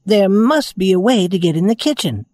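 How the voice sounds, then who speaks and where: A man's voice: high-pitched, expressive, moderate pace, darkish tone, pitched above the performer's own voice. A man voicing a kind, cheerful rag doll girl in a children's storybook reading.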